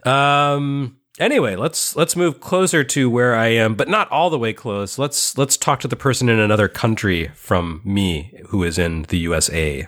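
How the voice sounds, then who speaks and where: A man's voice: mid-range voice, moderate pace, hardly any pauses, a bit bright. A man hosting a podcast in casual chat, talkative and self-mocking, often laughing. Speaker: podcast host.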